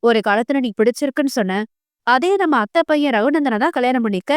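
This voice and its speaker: A reproachful elder sister chiding her younger sibling in a storybook scene, voiced by a woman narrator. Her voice sits high and comes across close and dry. She moves between scolding and coaxing. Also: lively intonation, a little fast, no echo.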